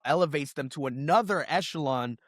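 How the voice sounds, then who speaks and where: An excitable man talking sports on a podcast, his voice sitting fairly high and climbing even higher when he gets worked up. The sound is close and dry, with no room around it. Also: brisk, no room sound. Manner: animated, excitable ranting. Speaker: podcast co-host. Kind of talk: casual sports chat.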